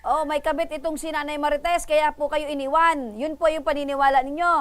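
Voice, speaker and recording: A woman hosting a radio call-in program, mediating between callers with brisk, probing and teasing questions. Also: high-pitched, little pitch movement. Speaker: host.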